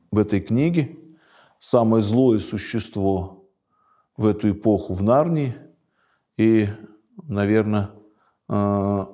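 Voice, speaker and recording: Man, religious teacher, reflective commentary, mellow dark tone, hesitant pauses. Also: on the low side. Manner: thoughtful, pauses with hesitation sounds. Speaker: religious teacher reading a book aloud. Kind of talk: reading with spiritual commentary.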